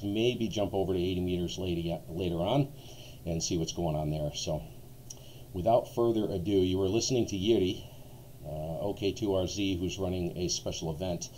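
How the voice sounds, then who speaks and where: A man's voice: low voice, mellow, a little hiss or hum, poor audio. An American man hosting a ham radio stream, chatting casually and telling rambling, jokey stories. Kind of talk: casual storytelling to viewers.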